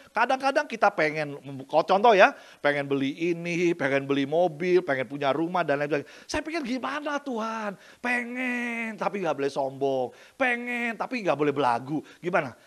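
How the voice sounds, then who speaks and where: A middle-aged man preaching a sermon as pastor, going from soft asides to loud emphasis. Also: fairly high pitch.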